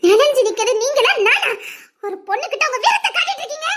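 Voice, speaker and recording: A woman's voice: extremely high pitch, sing-song, quick pace, fairly bright tone, full character voice. A young woman with a Tirunelveli Tamil accent playing a defiant wife, protesting tearfully and repeating herself. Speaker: young wife in a family drama. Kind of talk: family drama acting.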